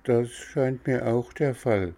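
A man voicing a calm, resigned dolphin with a hoarse voice, speaking in a raised register. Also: medium pitch, slow, pitched above the performer's own voice.

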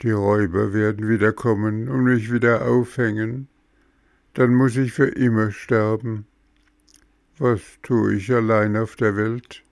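A man's voice: medium pitch, takes it slowly, creaky, hardly any pauses, a little mellow, dry recording, clean studio sound, pitched above the performer's own voice. A man voicing a tearful, remorseful wooden puppet boy in a storybook reading, pleading through sobs. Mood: sobbing plea. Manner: sobbing, pleading.

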